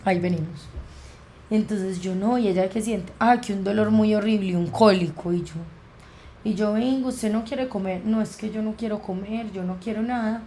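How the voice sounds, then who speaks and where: A woman's voice: mid-range voice, moderate pace, dark tone. A young woman with a Colombian accent, a podcast guest telling a personal story and acting out the dialogue as she goes. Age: young adult. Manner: vivid retelling that acts out quoted dialogue.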